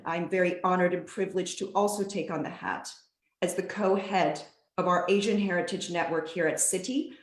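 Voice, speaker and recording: Woman panelist on a video call, lowish voice, room echo, earnest and measured. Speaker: panelist, bank executive.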